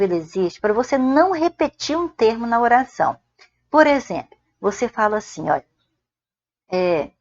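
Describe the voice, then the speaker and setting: A woman's voice: a little high, highs cut off. A Brazilian woman teaching Portuguese grammar, drawing out example sentences word by word and checking in with "certo?". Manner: slow, deliberate dictation of examples, frequent "ó" and "certo?". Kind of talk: spoken grammar lesson.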